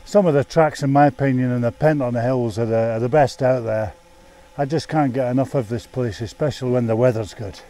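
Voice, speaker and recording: A man's voice: mid-range voice, brisk, warm tone. A man vlogging a mountain bike ride outdoors on hill trails, chatting and exclaiming at the trail as he rides. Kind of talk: casual narration while riding.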